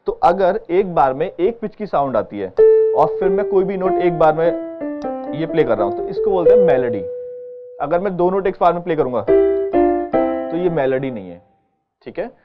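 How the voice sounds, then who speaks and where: Male music teacher, step-by-step explainer, fairly high voice, muffled recording with piano playing. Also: sing-song, moderate pace, pauses often. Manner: patient, explaining step by step with frequent check-ins. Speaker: keyboard teacher. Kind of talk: online music lesson. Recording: dull lo-fi sound with keyboard playing behind.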